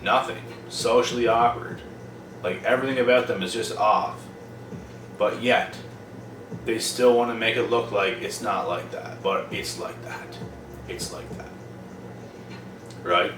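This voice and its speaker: A young vlogger from Prince Edward Island, Canada, rants bluntly and profanely to camera, repeating himself for emphasis. His fairly low voice comes at a measured pace with frequent pauses, picked up by a distant mic in a roomy space over music and background noise.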